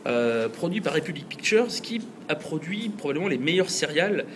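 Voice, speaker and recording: A man's voice: fairly high pitch, big pitch swings, normal speed, background noise. A man hosting a podcast, chatting enthusiastically and poking fun at himself. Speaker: podcast host. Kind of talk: casual chat.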